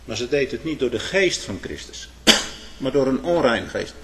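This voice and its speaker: There's a little hiss or hum as a mid-range male voice, lively in intonation and normal in pace, preaches in old biblical style. He swings from hushed remarks to loud proclamations, frequently saying "hè".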